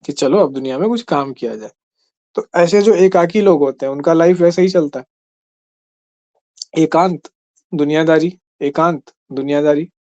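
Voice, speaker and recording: A man's voice: a little high, darkish tone, dull audio. A man teaching an exam-prep class in a conversational way, often checking in with his listeners. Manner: conversational, keeps asking "ठीक है?".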